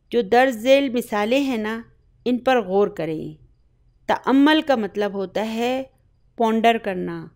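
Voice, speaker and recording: Urdu-speaking woman teaching Arabic grammar. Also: fairly high pitch. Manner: explains step by step, often checks with "ٹھیک ہے؟". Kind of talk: grammar lesson.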